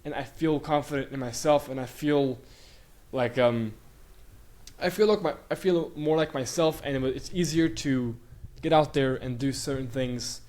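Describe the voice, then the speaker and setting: A young man born in Bulgaria and raised in Sweden chats as a guest in a casual interview. His medium-pitched, darkish voice moves at a moderate pace as he rambles, full of fillers and restarts.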